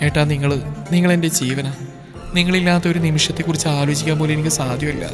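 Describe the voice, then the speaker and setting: A man's voice: on the high side, flat delivery, quick pace, close to an everyday voice. A man voicing a heartbroken, devoted young wife who speaks in a pleading, emotional way, with background music. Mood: tender, pleading. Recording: background music clearly audible.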